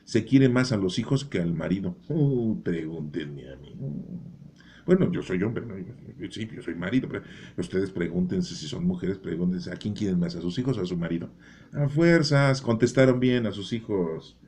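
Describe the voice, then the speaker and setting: Guy doing a loose bible explainer, kinda low mellow voice, jokes around, faint hiss behind. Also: lively intonation, normal speed. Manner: folksy, joking, keeps asking "¿no?". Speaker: Bible teacher. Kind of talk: informal Bible chapter explanation.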